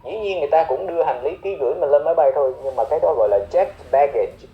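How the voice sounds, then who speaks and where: A man teaching English airport phrases, explaining each one and repeating key words slowly. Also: a little high, expressive, echoey room, muffled recording, slight background noise.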